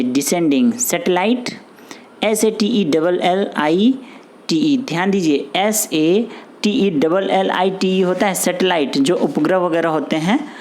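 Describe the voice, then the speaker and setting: Slow, patient male spelling teacher. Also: sits high, a little mellow. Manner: spells words letter by letter, explains in Hindi; reassuring, repeats key points. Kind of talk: spelling lesson for exam students.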